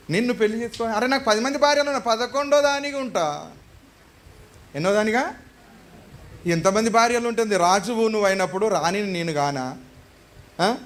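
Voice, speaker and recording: A male pastor preaching a sermon, telling a story in a lively way and putting questions to the congregation. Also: sits high.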